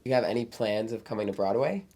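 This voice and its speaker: A man's voice: on the low side, fast talker, mellow. A man hosting an interview who asks friendly questions and pays the guest eager compliments. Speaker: interview host.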